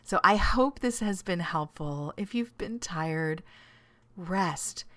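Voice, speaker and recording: A middle-aged woman coaching listeners on self-kindness, talking in a gentle, encouraging way, often checking in with "right?", laughing often and dropping into soft whispered asides. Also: lowish voice, expressive, takes it slowly, no room sound. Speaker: self-love coach and podcast host. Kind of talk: casual reflective monologue. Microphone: studio microphone.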